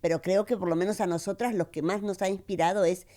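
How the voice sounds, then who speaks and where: A woman from Argentina with an Argentine accent, co-hosting a podcast, reflective and quick to laugh. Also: medium pitch, steady tone, dark tone. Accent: Argentine Spanish. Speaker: podcast co-host. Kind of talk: casual podcast chat. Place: farmhouse among orange trees.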